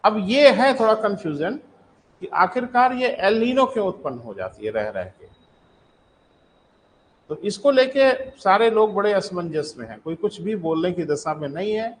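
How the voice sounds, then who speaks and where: A man's voice: high-pitched, big pitch swings, normal speed, slight background noise, rough recording. A male teacher giving a live online lecture, dictating notes, asking check questions and calling his students "beta".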